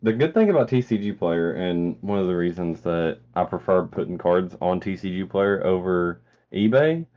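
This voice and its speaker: A man's voice: sits low, lively intonation, normal speed, few pauses. A man co-hosting a card game podcast, speaking in a brief, matter-of-fact casual chat. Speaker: podcast co-host. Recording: muffled lo-fi audio.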